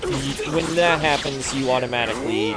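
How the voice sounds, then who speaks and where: A man's voice: medium pitch, brisk. A man chatting casually as he plays a video game, explaining how things work in an informal way. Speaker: gamer playing online matches. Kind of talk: casual gaming chat, explaining game mechanics. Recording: music playing behind the voice. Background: music.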